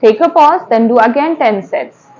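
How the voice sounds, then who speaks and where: A woman's voice: fairly high pitch, lively intonation, normal speed, a little mellow, highs cut off. A woman with an Indian accent giving spoken yoga instruction step by step, repeating and rephrasing key points as she goes.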